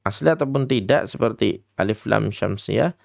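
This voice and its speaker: A man teaching Quran recitation to children in an interactive radio lesson, mixing brisk explanations with slow, drawn-out chanted examples and speaking to the children directly. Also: on the low side, gravelly, a little mellow, no echo, studio quality. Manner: addresses children directly, patient instructive tone.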